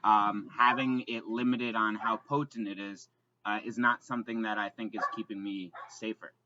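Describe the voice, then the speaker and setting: A man's voice: fairly low pitch, fairly even intonation, normal speed, lo-fi sound, noisy background. A man co-hosting a podcast in casual chat, rambling with lots of fillers and restarts. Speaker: podcast co-host.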